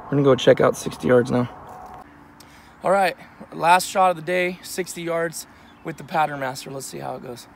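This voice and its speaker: A man's voice: on the high side, normal speed, vocal fry, slight background noise. Man explaining shotgun results outdoors. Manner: plain, matter-of-fact explaining. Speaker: channel host. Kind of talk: casual outdoor gear review. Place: outdoor shooting range. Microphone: camera mic at a distance.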